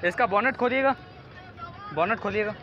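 With a Karachi Urdu accent, a vlogger walks around an outdoor car bazaar filming on a handheld phone, asking sellers questions and repeating prices and details back in a casual car review. His voice sits high at a normal speed, and the lo-fi audio picks up some chatter behind him.

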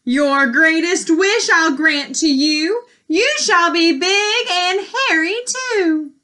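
A woman's voice: sits high, sing-song, slow pace, sharp tone, pitched above the performer's own voice, exaggerated voice. A woman voicing a bungling female fairy who chants rhyming spells in a storybook reading. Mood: chanting. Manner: sing-song rhyming spellcasting.

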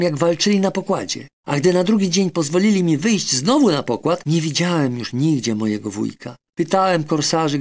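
A man's voice: a little high, creaky, voice pushed up. A man voicing a tearful, frightened young boy in a children's audiobook. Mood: anxious. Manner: pleading, anxious storytelling.

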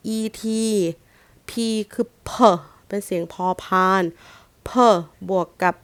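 A woman teacher with a Thai accent, sounding out letters and repeating words slowly in a phonics lesson for young children. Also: fairly bright tone, no echo. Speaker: primary school English teacher.

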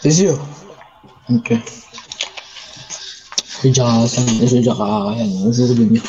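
A man's voice: mid-range voice, slow, dark tone, muffled recording. A man streaming a game live, chatting casually, swearing and trash-talking at other players. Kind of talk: casual live gaming chat.

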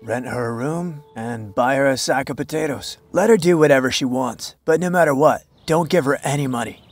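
A man's voice: medium pitch, moderate pace, close to an everyday voice. An actor playing a seasoned male therapist who speaks tersely and bluntly. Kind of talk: dubbed drama acting.

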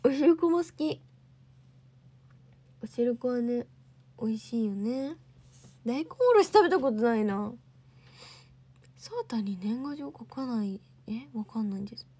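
A young woman chats casually on a livestream, reading out and answering viewer comments as they come in. Her voice sits high and has a slightly husky edge. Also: unhurried, pauses often, mellow. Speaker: idol livestream host.

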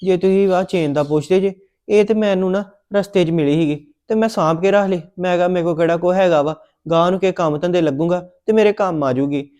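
A man's voice: high-pitched, fast, few pauses, darkish tone. A young man with a Punjabi accent, acting an adopted son in a family drama, pleading and apologetic.

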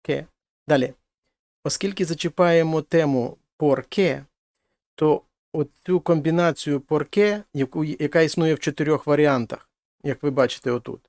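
A man's voice: medium pitch, a little mellow, no echo. Man teaching a language lesson, dry sound. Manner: explanatory, repeats and rephrases points. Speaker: Spanish teacher.

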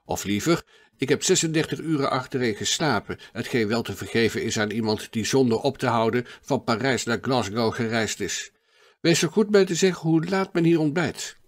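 A man's voice: mid-range voice, normal speed, close to an everyday voice. A man playing a talkative, absent-minded French professor in a read-aloud storybook, hopping from topic to topic. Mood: eager chatter. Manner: chatty, jumps from topic to topic, excited questions.

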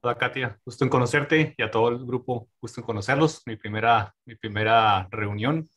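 Colombian man, newcomer participant, mid voice, warm halting intro. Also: medium pitch. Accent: Colombian Spanish. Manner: friendly, a bit halting. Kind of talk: casual self-introduction.

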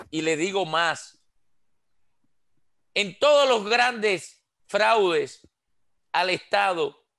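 Calling into a radio panel's video call on a headset, a Dominican commentator in his sixties makes his political case from a small indoor space. His high voice has a fairly bright tone. He talks with his hands, sounds impassioned and emphatic, and keeps asking rhetorical questions.

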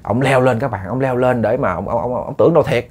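A man's voice: mid-range voice, fast talker, darkish tone, slightly rough. A man with a Southern Vietnamese accent telling a ghost story to listeners, casual and chatty with many repeated words.

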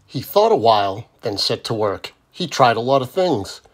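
A man reads a children's picture book aloud in an expressive storytelling style, with a medium pitch and normal speed.

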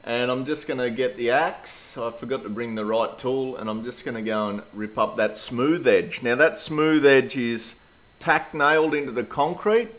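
A middle-aged Australian man talks through a house renovation in a relaxed vlog. His delivery is practical and plain-spoken. His pitch sits in a middle range. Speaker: DIY renovator. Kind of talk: casual renovation vlog narration.

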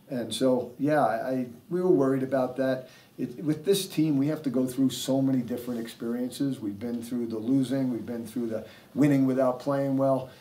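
An older man coaching a team responds to postgame press questions, meandering with many fillers and restarts. His medium-pitched voice is mellow and sounds far off, heard through a table mic. He sits at a table in a press room backed by sponsor logos.

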